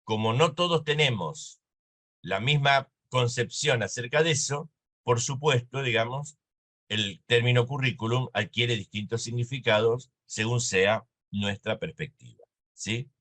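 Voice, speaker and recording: Male lecturer, Argentine accent, didactic, mid-pitched, keeps checking in with the class. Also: unhurried, a bit bright. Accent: Argentine Spanish. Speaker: university lecturer. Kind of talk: recorded lecture.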